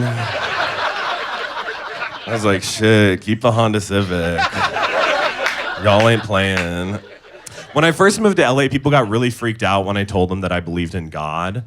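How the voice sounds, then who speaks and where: A young man from Indonesia performing a stand-up comedy set, delivering absurd punchlines in a deadpan way on a club stage. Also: lowish voice, slow pace, long pauses. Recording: live club set with clear audience noise.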